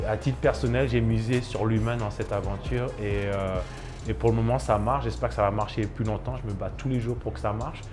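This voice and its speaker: A fairly low-pitched male voice, steady and brisk, comes through over music. The speaker, a thirtysomething chef and restaurant owner from Ivory Coast, repeatedly hesitates and restarts during a documentary interview.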